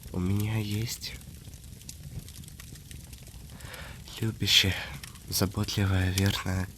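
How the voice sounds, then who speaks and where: A man playing a tender, devoted half-vampire husband in a soft ASMR romantic role-play, speaking intimately with hesitant pauses. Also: low voice, little pitch movement, slight background noise. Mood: loving, grateful.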